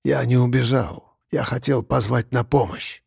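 A man reading an audiobook, voicing a calm man who answers quietly, almost in a whisper. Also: mid-range voice, a little slow, gravelly, husky, dry recording, clean studio sound, heavily acted. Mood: hushed. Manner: soft, hushed, even. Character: calm, quiet southern man under suspicion.

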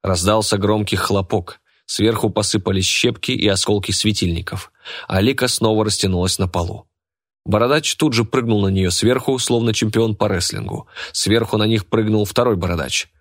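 A man narrating an audiobook in a steady, even reading voice. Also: lowish voice, normal speed, no room sound, clean studio sound.

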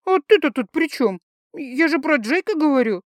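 A woman voicing a tipsy, bold young woman who teases loudly and slurs her words. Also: lively intonation, moderate pace, no room sound, clean studio sound. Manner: slurred, giggly, high-pitched chatter.

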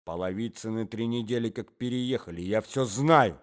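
A man's voice: on the low side, moderate pace, lightly acted. A man voicing a young lover who presses the lady with accusing, insistent questions. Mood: reproachful.

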